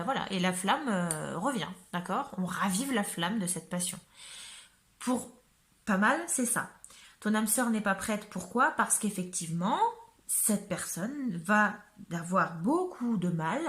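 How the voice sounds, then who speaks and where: A woman from the Ardennes in France doing a chatty tarot card reading for viewers, with many fillers and asides. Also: medium pitch. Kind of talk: casual reading addressed to viewers.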